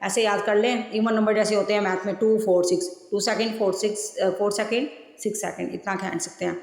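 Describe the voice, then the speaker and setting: A woman's voice: medium pitch, steady tone, a little fast, gravelly, darkish tone, roomy sound, long reverb tail. A woman teaching tajweed in a patient, repetitive way, counting out seconds and stretching recited syllables. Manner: patient, repeats rules and counts seconds aloud. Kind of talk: tajweed lesson.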